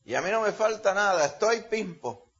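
A man's voice: high voice, lively intonation, normal speed, fairly bright tone, voice pushed up. A smug, boastful man drawls about his own comfort in a raised, self-pleased voice, as a preacher puts him on. The sound is dull and lo-fi.

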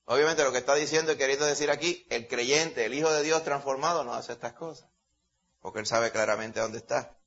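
A man's voice: mid-range voice, fairly quick, a bit bright. A man preaching a Bible-teaching sermon in a conversational way, often calling listeners brother. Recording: dull lo-fi sound.

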